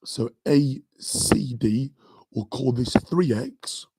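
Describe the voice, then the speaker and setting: A maths tutor with a deep voice leads a live revision lesson, talking slowly against a noisy background. He's chatty and keeps dropping in "okay" and "guys."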